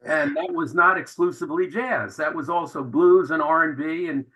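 A man's voice: a little high, normal speed, fairly bright tone, low-quality recording. A man, a film director, answering radio interview questions with enthusiastic, anecdotal storytelling.

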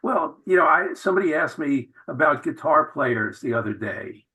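A man's voice: on the high side, animated, moderate pace, sharp tone, poor audio. A man, a film director, answering radio interview questions with enthusiastic, anecdotal storytelling.

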